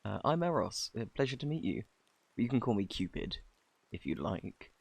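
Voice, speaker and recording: A man with a British accent playing a flirty, bashful, kindly Cupid in an intimate ASMR romance roleplay, softly spoken, stammering and flustered. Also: on the low side, very animated, vocal fry, breathy edge, no echo, exaggerated voice. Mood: friendly, curious. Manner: flustered, stammering, halting, apologetic.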